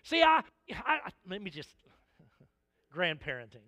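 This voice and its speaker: A man with a high, bright voice delivers a sermon. He is animated and keeps slipping into short acted-out exchanges. The sound carries a long reverb from an echoey church hall. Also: unhurried. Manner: animated, acts out little dialogues. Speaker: pastor.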